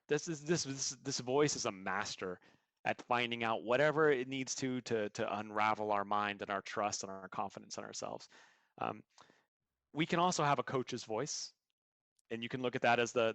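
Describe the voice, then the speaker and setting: A man's voice: on the low side, normal speed, a bit bright, no echo. A man being interviewed as a coach, explaining his ideas earnestly through stories and examples. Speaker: guest coach. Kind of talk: podcast interview answers.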